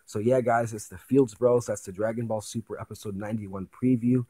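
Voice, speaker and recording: A man's voice: lowish voice, steady tone, fairly quick, warm tone, slightly rough, no echo. A man hosting an anime commentary channel, talking through an episode preview casually and thinking aloud in rhetorical questions.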